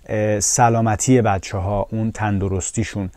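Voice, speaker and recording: A man teaching a language lesson, saying each phrase slowly and more than once, then explaining it with small hesitations. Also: on the low side, little pitch movement, dark tone, no echo, clean studio sound.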